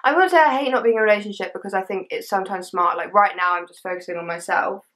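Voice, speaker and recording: A woman's voice: mid-range voice, quick pace, a bit bright. A young English woman in casual chat to camera, talking informally with British teen slang and lots of "like". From England. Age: young adult. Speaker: social media creator. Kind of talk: casual chat to camera, reading out and answering assumptions.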